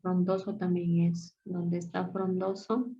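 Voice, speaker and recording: A woman teaching a class, repeating words aloud slowly as she points them out. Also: fairly low pitch, flat delivery, warm tone, a little hiss or hum. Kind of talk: classroom lesson. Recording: dull lo-fi sound.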